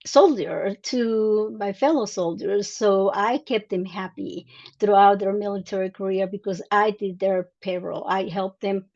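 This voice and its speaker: A woman's voice: medium pitch, steady tone, a little slow, gravelly, darkish tone, lo-fi sound. A woman in her sixties from Mexico, a native Spanish speaker, earnestly telling her story as an interview guest with many fillers and restarts. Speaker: guest, Army veteran.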